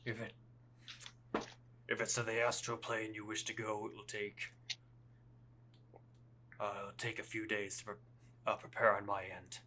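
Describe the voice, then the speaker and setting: A man voicing a formal NPC ally who prepares a magical journey, speaking in a measured, halting way. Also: fairly low pitch, level tone, sharp tone, a little hiss or hum.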